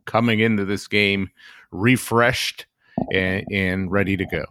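A man co-hosting a casual sports podcast, speaking haltingly with repeated words and fillers. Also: lowish voice, fairly even intonation, bright, forceful tone, no echo, clean studio sound. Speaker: podcast co-host.

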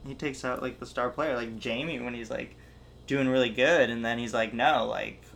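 A man's voice: mid-range voice, fairly even intonation, normal speed, a bit bright. Filler-heavy male podcaster, faint room hiss. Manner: constant "like" fillers, laughing asides. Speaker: podcast co-host. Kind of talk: casual chat.

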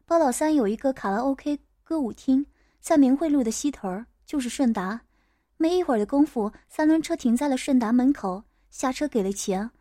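A woman narrating a first-person audiobook story in a steady, plain way. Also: sits high, fairly quick, no echo, clean studio sound.

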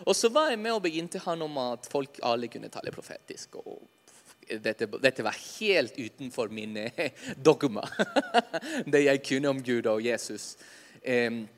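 A man giving a personal faith testimony as a lively storyteller who often laughs at himself. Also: mid-range voice. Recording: long hall reverb.

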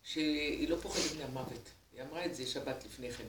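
A woman in the class making quiet, soft-spoken remarks. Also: a bass voice. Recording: distant, roomy and noisy.

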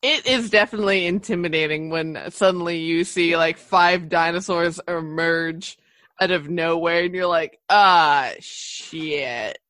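A podcast guest chatting casually, quick to chime in and finish the host's sentences. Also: medium pitch, steady tone, a bit bright, dry recording. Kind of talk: casual chat.

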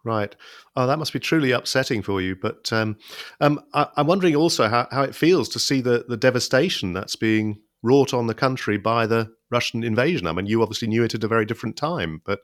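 A man leads an interview, asking his questions gently and with sympathy. His voice sits at a middle pitch for a man. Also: a little fast, no echo, studio quality.

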